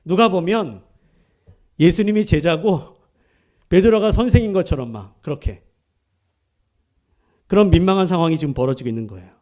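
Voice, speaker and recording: A male pastor delivers a sermon in a fairly high voice. He presses his points with emphasis and keeps asking the congregation questions. He answers those questions himself. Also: expressive, moderate pace, long pauses, darkish tone. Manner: emphatic, asks the listeners rhetorical questions; acts out quoted speech within the preaching.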